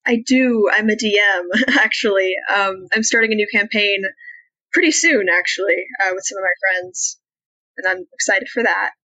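A woman's voice: medium pitch, normal speed, bright, forceful tone, low-quality recording. A young woman talks as a podcast guest, chatty and easygoing. She leans on fillers like "like" and laughs often between her thoughts. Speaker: guest, dice maker. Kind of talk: casual interview.

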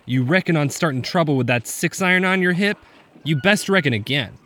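A jittery young frontier ruffian in a red bandana, played by a man, who talks in a folksy drawl and stumbles over his words when nervous. His pitch swings widely from line to line. The piece is a comedy radio western. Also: expressive, brisk, fairly bright tone, slight background noise. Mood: threatening.

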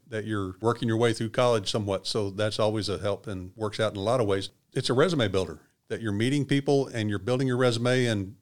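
A man from Kentucky hosting a scripted interview podcast in a measured, encouraging way. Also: lowish voice. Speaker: podcast host.

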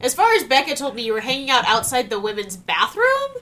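A woman's voice: high voice, very animated, fast talker, pushed and bright. A woman improvising a comedy scene, exasperated and giggly.

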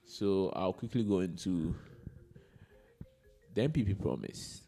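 A Ghanaian-accented man with a very deep, gravelly voice hosts a podcast. He talks casually and loosely, in slangy unscripted phrases, with music behind him. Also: animated, measured pace, mellow. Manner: informal, slangy, repeats words for emphasis. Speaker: podcast host. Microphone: held microphone in a recorded session.

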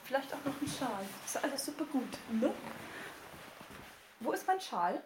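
A woman's voice: high-pitched, big pitch swings, normal speed, echoey room, noisy background. A woman podcast host chatting casually while getting dressed, singing bits and laughing, swearing playfully.

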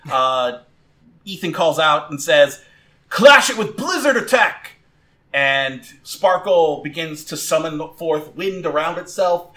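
Man game master, narrating battle, bright tone, slightly high, rambling with restarts.

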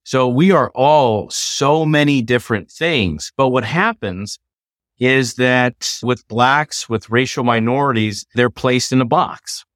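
Man, middle-aged, law professor, measured lecturing delivery, mid pitch, dry sound. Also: fairly bright tone, no echo. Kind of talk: explaining ideas in a conversation.

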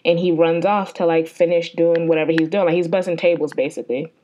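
A woman's voice: fairly low pitch, fairly even intonation, fast talker, dark tone, slight background noise. A woman hosting a podcast, telling a story in a rambling, profane, exasperated way. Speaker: podcast host. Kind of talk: casual storytelling.

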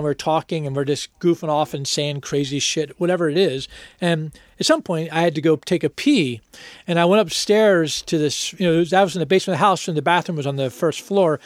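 Animated storytelling man, higher voice. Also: dry recording. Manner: animated, laughs while telling stories. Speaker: band member telling stories. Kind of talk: casual conversational storytelling.

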